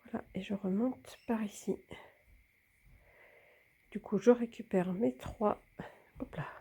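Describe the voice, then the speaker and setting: Speaking slowly in a mid-range voice that is mellow yet slightly rough, a woman films herself tending a hanging plant. The plant vlogger keeps her narration casual and hands-on, regularly sinking to a whisper, and a slight cold makes her sound a bit blocked up.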